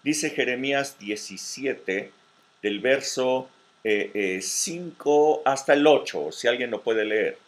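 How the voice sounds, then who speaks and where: A male pastor preaching slowly and deliberately at a virtual meeting, pausing often on fillers and repeated words. His pitch sits at an average level for a man. Now and then he stops to ask whether his listeners are following. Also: expressive. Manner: slow, with frequent hesitations and repeated words; checks in with listeners. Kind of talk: informal online Bible study sermon.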